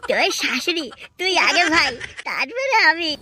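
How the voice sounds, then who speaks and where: A man voicing a crude, hot-headed, boastful young village man in a comic cartoon, with a pitched-up, foul-mouthed, blustering delivery. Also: very animated, moderate pace, very noisy. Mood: angry, boastful.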